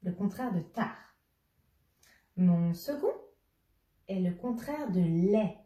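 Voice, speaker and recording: A woman's voice: mid-range voice, expressive, dark tone. A woman teacher speaking to a young child, patiently setting riddles and repeating each clue. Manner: slow, patient, addresses a child directly, repeats clues. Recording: roomy, somewhat distant mic.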